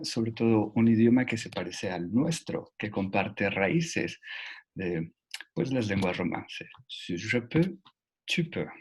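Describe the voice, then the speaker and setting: A man's voice: on the low side, slightly rough. A man teaching a French lesson online, patient and repeating key words. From Mexico.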